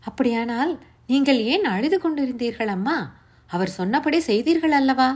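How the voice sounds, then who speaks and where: A woman's voice: high-pitched, lively intonation, moderate pace, darkish tone, voice pushed up. A woman voicing a curious, eager young woman who presses with pleading questions in a storybook reading. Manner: pleading, wide-eyed questions.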